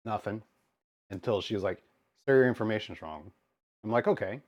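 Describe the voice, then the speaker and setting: An American man streamer telling a story to his chat in an animated, exasperated way, acting out both sides of the exchange. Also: lowish voice, a little fast, highs cut off. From United States. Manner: animated, exasperated retelling with quoted dialogue.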